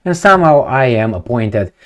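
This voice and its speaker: A man's voice: medium pitch, very animated, normal speed, a bit bright. A man from Romania, giving a rambling opinion monologue to camera, full of rhetorical questions and repetition. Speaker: video commentator.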